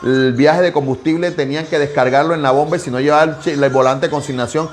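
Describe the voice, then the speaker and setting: A man's voice: on the high side, fairly even intonation, fast talker, a little hiss or hum. A man, a pastor preaching a devotional sermon and telling a personal testimony with emphatic repetition. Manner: emphatic storytelling with heavy repetition.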